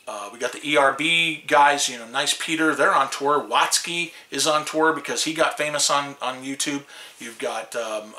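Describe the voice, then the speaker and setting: A man in his fifties with a Chicago accent vlogs casually to camera in a small room, rambling with many restarts and fillers. His medium-pitched voice is bright and forceful, and the sound is roomy.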